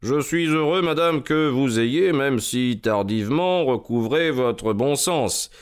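Calm gentleman detective, read by a man, smooth clear tone, deliberate, storybook reading. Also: mid-range voice, voice pushed up, natural voice. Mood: measured. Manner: measured, firm, deliberate. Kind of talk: audiobook character voice.

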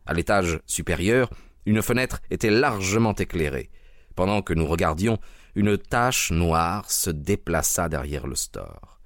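A man narrating a detective story in a steady audiobook style. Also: deep voice, no echo, studio quality.

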